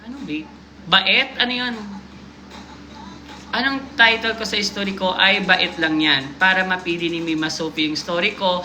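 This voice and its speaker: A woman's voice: medium pitch, normal speed, pauses often, pushed and bright, a little hiss or hum. A woman hosting a live stream, reading a viewer's submitted story aloud and breaking off to joke and comment on it. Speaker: livestream host reading viewer stories.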